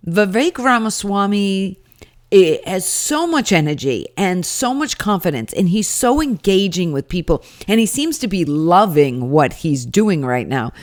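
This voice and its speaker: A woman at a rally gives casual commentary as a personal recap in a slightly low voice. She comes across chatty and opinionated, with a wry edge.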